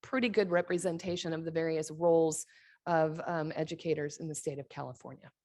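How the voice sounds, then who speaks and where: A woman's voice: deep voice, steady tone, fairly quick, a little mellow. A middle-aged woman on commission staff giving a conversational workshop presentation, with frequent fillers.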